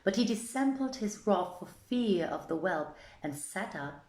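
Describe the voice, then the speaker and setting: A woman storyteller reads an old tale in theatrical, formal, archaic phrasing, her mid-range voice animated, unhurried, and darkish in tone. The scripted literary narration has an echoey, roomy sound.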